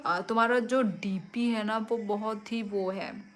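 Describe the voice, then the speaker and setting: Middle-aged woman, unhurried livestream chat, phone mic at home. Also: mid-range voice, fairly even intonation. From Tripura, India. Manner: slow, easygoing, answers viewers one by one. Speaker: livestream host. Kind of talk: casual live chat reading comments. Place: home at night.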